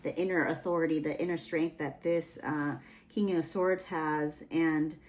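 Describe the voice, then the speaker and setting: A young woman with a lowish voice talks through a tarot reading in a loose, chatty way. She rambles and circles back, leaning on fillers as she goes. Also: steady tone, a little slow, a little mellow, slight background noise. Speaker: tarot reader.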